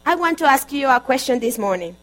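A woman from Colombia with a Colombian Spanish accent preaching a sermon in English, her second language, earnest and halting with frequent restarts. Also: high-pitched, animated, fairly bright tone, low-quality recording. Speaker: guest preacher.

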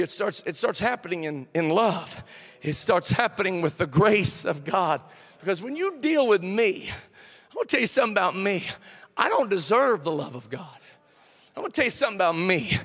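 A man in his forties preaching a sermon, swinging from impassioned shouting and half-sung lines to soft, low, confiding passages. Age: 40s.

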